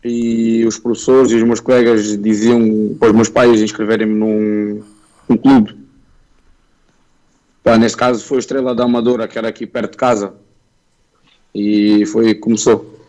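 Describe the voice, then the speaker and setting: A young footballer, born in Angola and raised in Portugal, answers interview questions as a guest in a polite, modest, plain-spoken way. His warm voice is fairly low with little pitch movement, coming at a normal speed with long pauses. The recording is rough.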